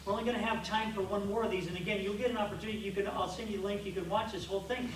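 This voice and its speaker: A man coaching a group of men, telling stories in an animated way that keeps restarting. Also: high voice, very fast, background noise. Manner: storytelling, animated and repetitive, with restarts. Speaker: men's coach. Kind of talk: church coaching talk to men. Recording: echoey hall from far off.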